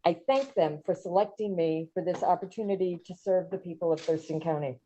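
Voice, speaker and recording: In a courtroom, a woman who has just been sworn in as a judge delivers formal, prepared remarks of thanks. She speaks fairly quickly in a dark-toned voice on the low side, and the audio comes through dull and muffled.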